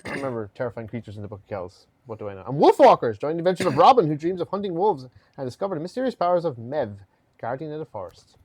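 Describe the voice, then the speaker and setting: A man speaks quickly and playfully in a casual podcast chat about tabletop games. He reads product blurbs aloud haltingly, tripping over words as he goes. His voice is recorded close up with a dry sound and no room echo. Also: on the high side, very animated, a little mellow. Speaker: podcast co-host.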